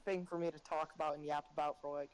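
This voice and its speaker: A man's voice: a little high, level tone, quick pace, low-quality recording. A man co-hosting a casual podcast, laid-back and filling his talk with likes and yeahs. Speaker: podcast co-host.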